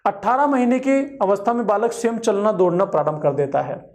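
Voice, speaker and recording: A man's voice: high voice, big pitch swings, fairly quick, darkish tone. A male teacher giving an exam-prep lecture, explaining each point and repeating it with everyday examples.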